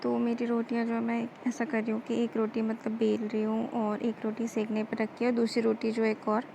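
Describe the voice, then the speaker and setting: A woman's voice: a little high, monotone, fairly quick, creaky, noisy background. Chatty woman with a slightly sore throat. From India. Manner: chatty, explains each step. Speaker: vlogger. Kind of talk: cooking vlog voice-over.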